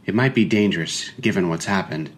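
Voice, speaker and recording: A man voicing a brisk, controlling woman who runs a household and scolds. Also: low voice, close to an everyday voice. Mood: curt. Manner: curt, scolding.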